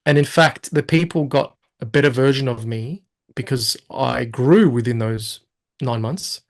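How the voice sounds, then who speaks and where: A man speaks a little slowly in a mid-range voice. In a casual interview, he's the guest telling his own story, an animated narrator who acts out his past thoughts and quotes himself in lively asides.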